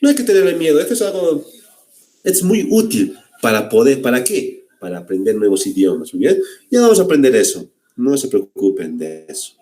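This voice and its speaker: A man's voice: lowish voice, big pitch swings, normal speed, warm tone. A man teaching a language class to students, lecturing with frequent "very good" check-ins and direct address to the class. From Bolivia. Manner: repeats "muy bien" often, addresses students as "señores".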